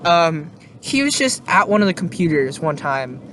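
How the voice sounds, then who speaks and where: A man's voice: a little high, big pitch swings, normal speed, fairly bright tone, a little hiss or hum. Rambling young male podcast host. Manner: rambling storyteller, lots of fillers and restarts. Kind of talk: casual chat.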